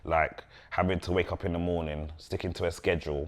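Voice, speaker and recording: A man's voice: low voice, little pitch movement, a little fast. A young man with a London roadman accent and street slang, chatting casually as a podcast guest. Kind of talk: casual chat.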